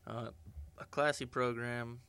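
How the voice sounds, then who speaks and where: A man's voice: mid-range voice, steady tone, measured pace, bright, forceful tone, slight background noise. A man co-hosting a podcast in casual sports chat, with wry joking asides. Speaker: podcast co-host.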